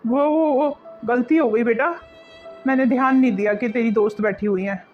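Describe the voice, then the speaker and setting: A woman's voice: on the high side, normal speed, lo-fi sound, faint music behind, natural voice. A woman acting a timid old village father-in-law who speaks in a faltering, apologetic way.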